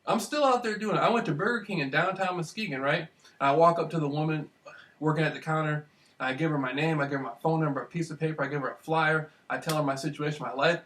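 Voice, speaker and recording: A young man from Michigan telling a rambling, excitable story in a casual monologue, swearing now and then. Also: fairly high pitch, fast talker. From Michigan, USA. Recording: voice distant from the mic.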